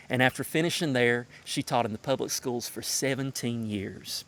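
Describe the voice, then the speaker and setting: A man from the North Carolina mountains with a Southern Appalachian accent, giving a prepared introduction in a folksy storytelling way with emphatic phrasing. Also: medium pitch. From Madison County, North Carolina mountains, United States.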